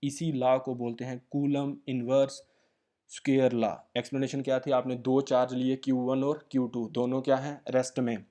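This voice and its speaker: A male physics teacher, giving a lecture, asking his own questions and dictating formulas slowly. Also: mid-range voice, a little mellow. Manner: repetitive quizzing questions, slow dictation of formulas. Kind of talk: classroom lecture.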